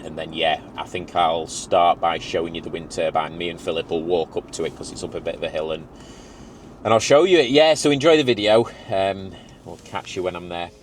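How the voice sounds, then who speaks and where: A low-voiced man with a Lancashire accent hosts a casual vlog. He talks in a chatty, colloquial way, with a little outdoor and vehicle noise behind him. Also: brisk. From Lancashire, England. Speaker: channel host and heat pump installer.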